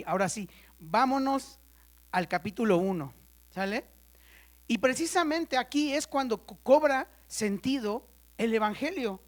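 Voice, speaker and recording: A woman leads a Bible study in a church classroom. She keeps things conversational, tossing quick questions to the class and joking with them. When a term matters, she slows right down and spells it out for note-takers. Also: medium pitch. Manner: conversational, checks in with the class often; playful asides, spells out terms slowly for note-takers.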